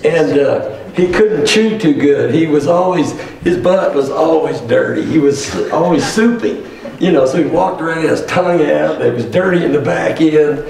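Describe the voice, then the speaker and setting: A male rancher poet with a creaky, gravelly voice delivers cowboy poetry and its tales in a plain-spoken way. The recording is very echoey, picked up from well away from the mic. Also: a little high, moderate pace, a crowd in the background. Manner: plain-spoken rhymed storytelling. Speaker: rancher poet telling stories on stage. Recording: roomy echo, distant mic, faint noise.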